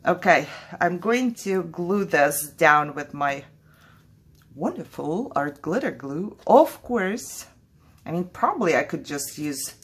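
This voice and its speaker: A Kazakh woman who grew up speaking Russian runs a laid-back crafting vlog in English, her voice low with a breathy edge. She chats in a jittery, excitable way and laughs a lot.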